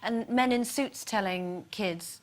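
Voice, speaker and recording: A woman hosting a TV chat show, interviewing a guest warmly. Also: mid-range voice, takes it slowly. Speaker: host. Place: TV studio.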